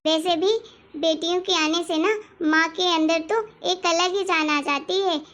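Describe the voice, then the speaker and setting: A woman voicing a gentle, reassuring young mother-to-be in an animated family story. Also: very high-pitched, measured pace. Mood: tender. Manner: soft, reassuring. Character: gentle expectant young aunt, hopeful for a daughter.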